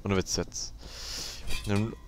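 A young man giving casual let's play commentary, sarcastic and crude, who yells when the game startles him. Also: takes it slowly, slight background noise.

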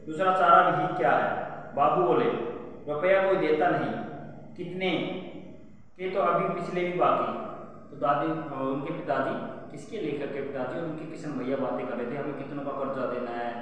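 Male teacher, slightly high voice, reading a story and explaining it line by line, quizzing the class, distant mic, strong reverb, faint hiss. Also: moderate pace, fairly bright tone. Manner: reads a line, then re-explains it in simple words with questions to the class. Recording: echoey room, voice from far off, faint noise.

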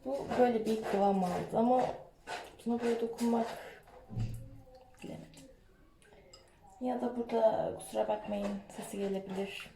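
A woman's voice: on the high side, fairly even intonation, normal speed, creaky, long pauses, noisy background. Woman talking in an echoey bathroom. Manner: chatty, self-deprecating. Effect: echo from a tiled bathroom. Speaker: vlogger. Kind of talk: casual vlog chat. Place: home bathroom.

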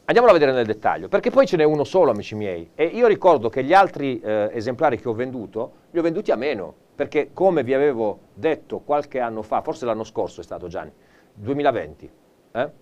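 A man hosting a live television shopping show. He pitches with theatrical enthusiasm in a mid-pitched voice, swinging between hushed confidences and big emphatic peaks. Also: very animated, fast, highs cut off. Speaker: TV shopping presenter. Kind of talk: live teleshopping sales pitch.

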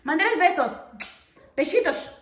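A woman's voice: very high voice, animated, unhurried, reverberant, heavy background noise. A woman hosting a casual vlog, coaxing her pet parrot in sing-song baby talk and laughing often. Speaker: parrot owner and channel host.

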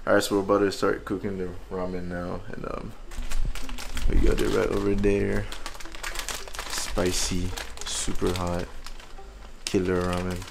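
A man's voice: low-pitched, monotone, measured pace, gravelly, roomy sound, background noise. A man in his twenties chatting casually for a vlog as he takes part in a food challenge in a home kitchen. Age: 20s. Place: home kitchen and dining table, indoors. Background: background music.

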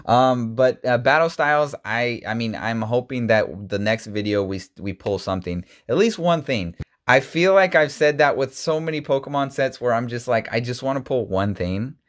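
Chatty man rambling over card packs. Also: normal speed. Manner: chatty and rambling, many ums and restarts, rises high when surprised. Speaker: YouTuber opening card packs. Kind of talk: casual card-opening vlog. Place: indoor room, seen on webcam.

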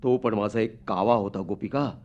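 An actor playing a fiery young revolutionary husband in a radio drama, intense and declamatory, swinging from hushed tones to fervent outbursts. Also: male voice, lowish voice, normal speed, muffled recording, natural voice. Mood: resolute.

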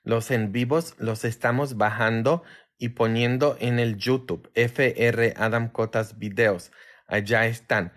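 A man from Poland with a Polish accent, a priest chatting casually with viewers on a livestream in a tired, low-key way. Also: steady tone, slow, fairly bright tone.

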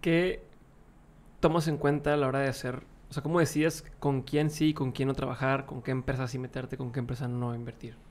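A young adult man, a podcast host asking relaxed, curious questions into a desk mic in a small studio. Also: mid-range voice, brisk. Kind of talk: interview questions. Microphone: large desk mic, headphones.

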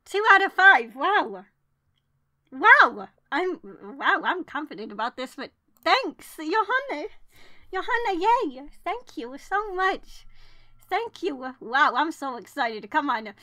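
A woman giving excited, pleading commentary while pulling cards in a mobile game. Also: high voice, takes it slowly, dry recording. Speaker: gacha scouting video creator.

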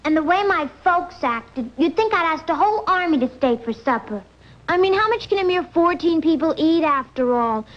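A woman's voice: very high voice, animated, normal speed. A woman playing a breezy, chatty teenage girl with mock-innocent understatement in a vintage TV commercial. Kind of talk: 1960s TV commercial monologue. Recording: dull vintage TV soundtrack, faint music.

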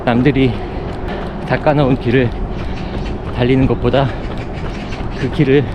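A man's voice: mid-range voice, little pitch movement, measured pace, highs cut off. A man speaking in short phrases while running, in a reflective, casual vlog monologue. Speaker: running vlogger. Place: outdoors on city running paths. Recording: clear outdoor urban noise, passing traffic.

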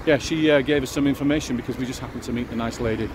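A man's voice: medium pitch, fairly even intonation, racing. A man giving a casual walking-tour commentary outdoors, musing aloud with fillers. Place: outdoors on a city street. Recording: outdoor street noise behind.

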